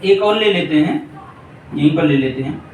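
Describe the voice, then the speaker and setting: A man's voice: a little high, expressive, moderate pace. A man teaching a Hindi grammar class for exam preparation, repeating points and checking in with his students often. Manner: repetitive, keeps checking in with the class. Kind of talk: exam-prep grammar lesson at a board. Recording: echoey room, distant mic, faint hiss.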